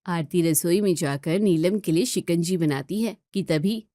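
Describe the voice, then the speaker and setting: A woman narrating a scripted family story in an even, measured way. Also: fairly low pitch, dry recording, clean studio sound.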